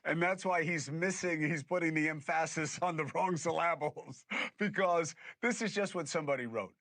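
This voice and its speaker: Male host doing a political rant, bright sharp voice, emphatic, dry close sound. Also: a little high, moderate pace, no room sound. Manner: emphatic and animated, with scornful laughs. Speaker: podcast host. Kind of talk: political commentary.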